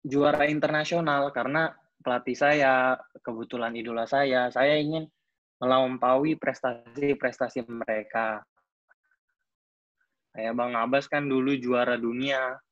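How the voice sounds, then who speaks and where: A man in his twenties, an athlete, gives a casual personal account at a coaching clinic, hesitating often with lots of fillers and restarts. His mid-range voice sounds slightly bright. The lo-fi recording has no echo.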